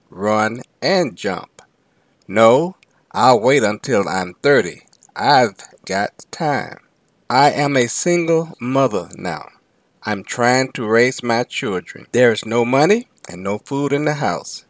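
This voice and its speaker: A man reading as an earnest, struggling young single mother, telling her story slowly in the first person. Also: mid-range voice, lively intonation, no echo.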